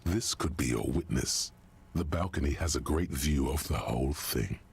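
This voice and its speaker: A gravelly, very deep game narrator. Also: male voice, normal speed, exaggerated voice. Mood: brooding. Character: gravelly omniscient male narrator voice. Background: game music.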